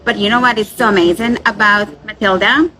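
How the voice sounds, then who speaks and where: A woman's voice: mid-range voice, brisk, bright, forceful tone, rough recording. A woman dietitian hosting a casual chat in a restaurant, enthusiastic and upbeat. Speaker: dietitian and host.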